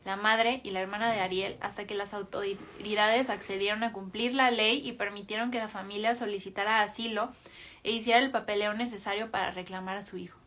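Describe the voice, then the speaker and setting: A woman reading a book aloud for a book club, in a calm, measured way with small self-corrections. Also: medium pitch.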